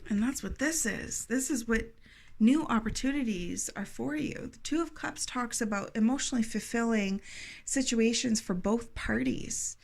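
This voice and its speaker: A woman's voice: on the high side, normal speed, vocal fry. A woman giving a tarot reading to her viewers, earnest and emphatic, repeating phrases for stress. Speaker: tarot reader.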